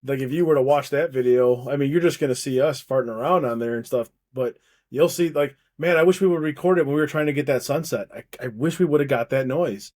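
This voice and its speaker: At medium pitch and a quick pace, a co-host with a somewhat mellow voice chats on a casual podcast. His speech comes in rambling, loose spurts with frequent restarts, and he laughs readily.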